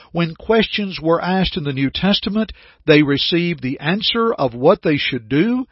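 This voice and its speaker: A man hosting a radio Bible study, speaking in a dense radio broadcast voice with a steady, earnest preaching delivery. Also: on the high side, dry recording. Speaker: radio Bible program host. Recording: dry, slightly dull radio studio sound.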